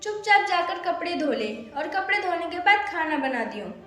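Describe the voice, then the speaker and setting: Cruel scolding stepmother, voiced by a woman storyteller, high bright voice, storybook, echoey room. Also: sing-song, normal speed, faint music behind, heavily acted. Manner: scolding, abusive.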